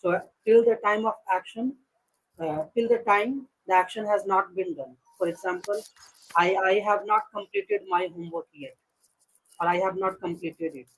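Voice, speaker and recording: A man practices English on a video call, walking through a grammar point carefully with hesitant pauses. His voice sits high and sounds husky. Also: steady tone, a bit bright, poor audio. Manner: careful, explaining step by step with frequent "uh" pauses. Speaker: English learner. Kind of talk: conversational English practice session.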